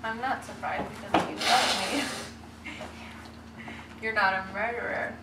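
A woman's voice: mid-range voice, fairly even intonation, takes it slowly. A young adult woman chatting casually between takes, giggly and often breaking into laughter. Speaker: vlogger rehearsing an announcement video. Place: seated at a table in a home room. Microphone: camera a few metres away. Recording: roomy, distant camera mic, noisy background.

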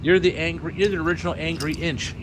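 A man with a somewhat high voice trades crude teasing jokes with friends. His voice comes through a noisy chat, with game sounds behind it. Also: fairly even intonation, fast talker. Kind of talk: casual gaming chat.

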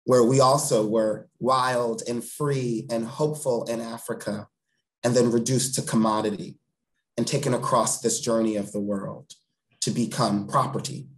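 On a video call from a room at home, a theatre director in his thirties speaks as an interview guest, earnest and eloquent, with emphatic repeated phrasing. His medium-pitched voice keeps a fairly even intonation at a moderate pace, and the audio quality is poor.

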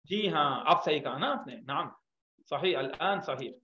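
A man teaching a class, patiently correcting students' pronunciation and repeating words slowly. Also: fairly high pitch, lively intonation, bright, forceful tone. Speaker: Arabic teacher. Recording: roomy, dull lo-fi sound.

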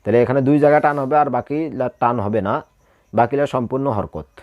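A man leads a Quran reading lesson at an even, middling pitch. He spells out each syllable and repeats it patiently, drill-style. His voice sounds dry and close, with no room around it. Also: fast talker, no echo, muffled recording. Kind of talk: slow spelling-out recitation lesson.

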